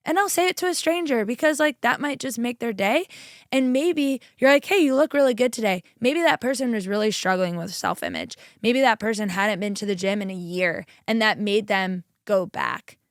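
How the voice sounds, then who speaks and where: A woman's voice: mid-range voice, lively intonation, normal speed, no echo, clean studio sound. A young woman chatting casually as a podcast guest, upbeat and full of fillers. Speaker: chiropractor and guest.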